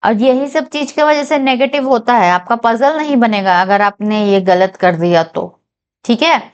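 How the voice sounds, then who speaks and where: A woman teaching a whiteboard reasoning lesson, reading each English statement slowly and carefully and checking in with her viewers. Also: on the high side, clean tone, highs cut off. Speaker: reasoning tutor for bank exams.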